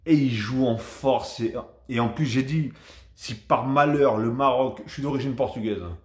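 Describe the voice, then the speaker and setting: A man from France giving a casual, rambling football match debrief to his viewers, chatty and animated. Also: medium pitch, normal speed, echoey room. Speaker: football vlogger.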